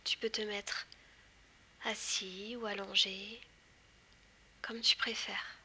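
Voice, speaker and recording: A woman guiding a hypnosis session in a hushed, breathy whisper right in the listener's ear, soothing and deliberate with long pauses. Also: medium pitch, level tone. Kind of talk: guided hypnosis, soft ASMR delivery.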